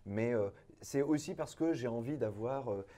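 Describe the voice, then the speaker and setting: A man who is a cabaret performer, a guest on an interview show, talking in an animated way with emphatic repetitions. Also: mid-range voice, normal speed. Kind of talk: casual TV interview.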